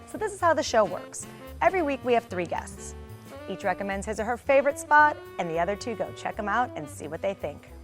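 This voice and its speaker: A woman hosting a restaurant review show, reading a bright, lively introduction and guiding the conversation. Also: medium pitch, fairly quick, faint music behind. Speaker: host. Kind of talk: scripted TV introduction and moderating.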